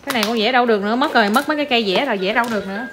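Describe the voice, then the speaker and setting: A woman with a Southern Vietnamese accent films her small child, teasing and coaxing in a playful, slightly high voice. She addresses her viewers directly and mixes English words into her talk, with clear music playing in the background. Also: very fast. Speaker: mother filming her toddler. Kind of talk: casual home video chat.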